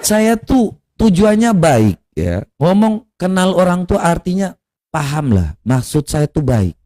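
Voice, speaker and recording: High-voiced man, scolding. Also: big pitch swings, unhurried, mellow. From Kupang, East Nusa Tenggara, Indonesia. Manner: scolding and taunting, with rhetorical questions and mocking laughs. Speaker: online religious commentator. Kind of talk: confrontational social media rant.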